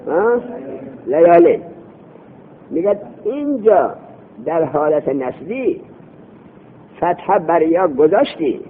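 A man teaches grammar in a seminary lesson, quizzing his student and answering his own questions, then slowing to recite lines. His voice sits high and moves through a wide, animated range. The recording is thin and phone-like. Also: breathy edge. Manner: slows to recite Arabic phrases.

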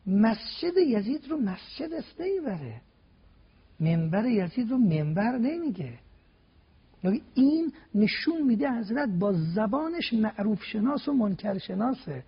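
On a TV program, a male religious guest speaker delivers a talk point by point, driving it home with emphatic rhetorical questions. His voice is high-pitched, sing-song and slightly rough, and the broadcast audio sounds dull and lo-fi.

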